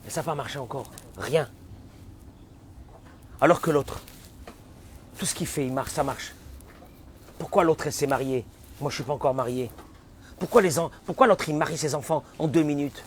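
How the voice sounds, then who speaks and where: A man leads a lively Torah class with a raised, fairly high voice. He imitates the people he talks about, and his volume swings from shouting to a hush. A faint hiss of background noise runs under the recording. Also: moderate pace, pauses often. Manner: dramatic, acts out voices of complainers, swings between shouting and hushed whispers. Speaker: rabbi giving a Torah class. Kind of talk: animated sermon.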